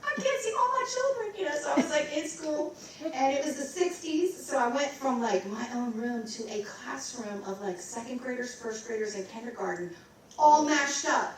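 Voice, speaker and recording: A woman's voice: fairly high pitch, moderate pace, a little hiss or hum. Woman singer chatting in a roomy hall. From Maryland, USA. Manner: rambling, scats and sings snippets. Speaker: guest vocalist. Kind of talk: casual onstage interview. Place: recital hall. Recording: roomy hall, distant mic.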